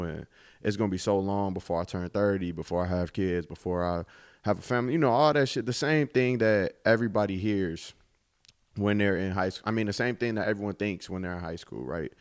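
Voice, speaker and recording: Dude in his 20s doing a solo pod, kinda low voice, real smooth, laid back and cussing casually. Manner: laid-back, reflective, drops casual swearing. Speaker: podcast host. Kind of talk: casual solo podcast monologue.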